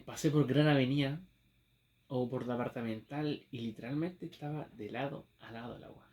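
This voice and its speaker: A man's voice: medium pitch, darkish tone. A man with a Chilean accent preaching a sermon, telling a story with acted exclamations and rhetorical questions.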